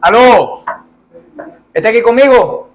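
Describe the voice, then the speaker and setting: A man preaching a lively sermon, calling out to the congregation and acting out the cries of the blind men. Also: extremely high pitch, measured pace, rough recording. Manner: animated, calls out to congregation, acts out biblical cries. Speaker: pastor.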